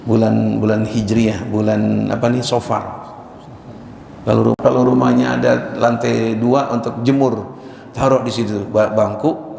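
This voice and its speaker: A man giving a casual, joking sermon, slowly reciting Arabic phrases between chatty asides. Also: mid-range voice, gravelly, darkish tone. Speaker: preacher. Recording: echoey hall with faint ambient noise.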